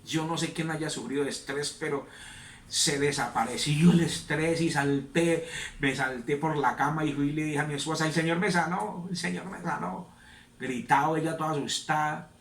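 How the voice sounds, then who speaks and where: A man's voice: on the high side, fairly even intonation, moderate pace, fairly bright tone, a little hiss or hum. A man, a pastor, telling his testimony in an earnest, rambling way. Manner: earnest, rambling storytelling with repetitions. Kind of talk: preaching testimony. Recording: echoey room, distant mic.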